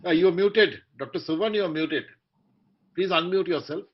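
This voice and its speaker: An Indian-accented man with a polite, measured, articulate manner, moderating a formal online panel of doctors. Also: sits high, slightly rough. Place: online video call. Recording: dull, muffled video-call audio.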